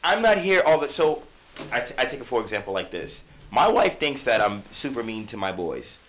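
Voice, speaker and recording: A man in his thirties co-hosting a casual podcast, animated and profane, swinging from soft asides to loud bursts. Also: mid-range voice, brisk. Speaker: podcast co-host. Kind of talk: casual chat.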